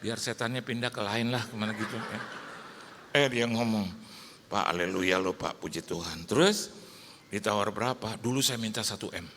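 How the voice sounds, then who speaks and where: A male pastor telling a humorous story in a sermon, acting out dialogue and shouting prayers. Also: lowish voice, normal speed, big-room sound, a little hiss or hum.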